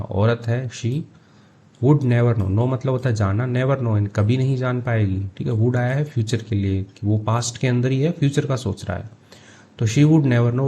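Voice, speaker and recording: Mellow-voiced man teaching English. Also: mid-range voice. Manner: reads English phrases slowly, then explains in Hindi. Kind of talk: line-by-line story translation lesson.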